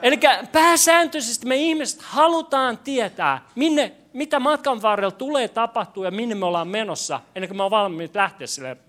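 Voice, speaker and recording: A man's voice: very high voice, few pauses, fairly bright tone. A young man preaching a sermon to a congregation, joking, asking questions and stumbling over his words. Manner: joking, self-deprecating, stammers and restarts. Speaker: pastor. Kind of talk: lively sermon with audience questions. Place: church hall with congregation.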